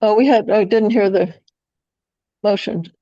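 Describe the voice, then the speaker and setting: A woman's voice: mid-range voice, measured pace, dark tone, no room sound. A woman chairing a committee, speaking informally, recorded in dull, muffled meeting audio.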